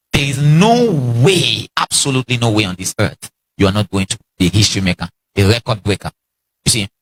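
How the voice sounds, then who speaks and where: A man's voice: a little high, sharp tone, slightly rough. A man giving a motivational seminar talk, exhorting the audience with repeated lines and questions. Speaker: seminar speaker.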